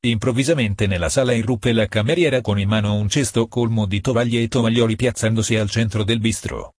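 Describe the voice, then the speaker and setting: A man narrating a novel in a measured, even reading. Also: on the low side, husky, no echo, studio quality. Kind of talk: audiobook narration.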